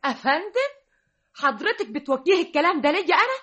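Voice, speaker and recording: Shrill, very high-voiced Egyptian housemaid. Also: female voice, sing-song, fast, a bit bright, faint music behind, exaggerated voice. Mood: haughty, indignant. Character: indignant, cheeky housemaid, easily terrified. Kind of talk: old Egyptian radio comedy acting.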